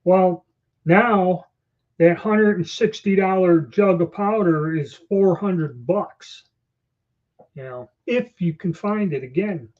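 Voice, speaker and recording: This livestream host talks slowly in a high-pitched voice, rambling through viewer questions while new false teeth slightly get in the way of his speech. Dull lo-fi audio captures him in a small indoor room, likely a storeroom or office.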